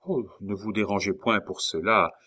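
A man voicing a courteous, plain-spoken male sentry in an audiobook, speaking higher and louder than his narration. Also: moderate pace. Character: polite simple male sentry soldier. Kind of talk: audiobook character reading.

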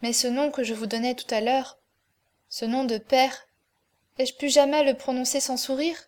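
A woman's voice: high voice, steady tone, moderate pace, natural voice. A woman reading the part of a tender, earnest young woman in love in an audiobook. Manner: earnest, fervent, tearful.

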